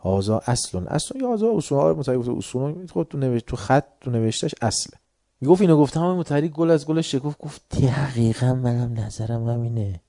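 A man giving an informal religious class, telling stories with swings between loud and quiet, and reciting verse slowly. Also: medium pitch, lively intonation, no room sound, clean studio sound. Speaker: religious lecturer.

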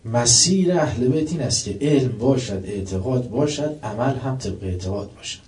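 A man's voice: medium pitch, lively intonation, a little mellow. A man preaching a sermon, dramatically retelling a story and voicing the people in it. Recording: roomy echo, distant mic.

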